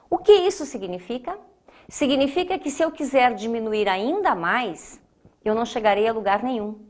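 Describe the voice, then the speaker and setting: A woman teaching a grammar lesson, explaining and repeating key points, slowing down to spell out syllables. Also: mid-range voice.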